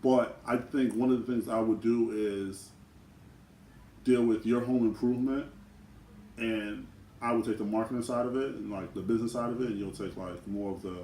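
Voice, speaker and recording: A man with a somewhat low voice chats through a casual Q&A with his twin, loose and slangy in his phrasing. The room is echoey, with a faint hiss underneath. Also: normal speed, far from the mic. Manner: relaxed, conversational, slangy. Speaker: co-host twin. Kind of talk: casual Q&A chat.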